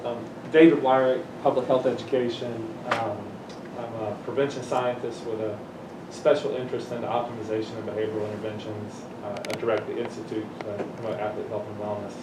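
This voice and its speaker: Understated middle-aged director, far from the mic in an echoey room. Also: male voice, lowish voice, flat delivery, a little fast, few pauses. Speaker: institute director. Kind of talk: self-introduction at a workshop. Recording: distant mic, roomy echo, noise.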